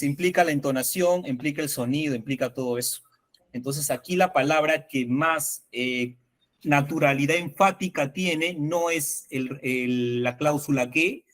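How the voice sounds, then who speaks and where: A man's voice: on the high side, a bit bright. A man teaching an online workshop for teachers, explaining patiently and often checking that the class agrees. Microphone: video call.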